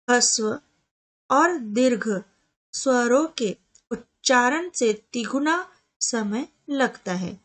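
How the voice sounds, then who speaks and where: A woman teaching grammar at a slow, careful pace. Her voice sits a little high, and she sounds out each example step by step. She often poses a question to the listener and answers it herself. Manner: slow, deliberate explaining with spelled-out examples; asks the viewer questions and answers them herself. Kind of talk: Hindi grammar lesson.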